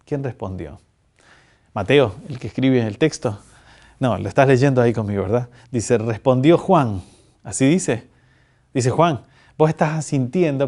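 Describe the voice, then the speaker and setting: A man preaching a sermon, asking rhetorical questions and teasing his listeners. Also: medium pitch. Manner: animated preaching, rhetorical questions, teases the congregation. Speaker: pastor.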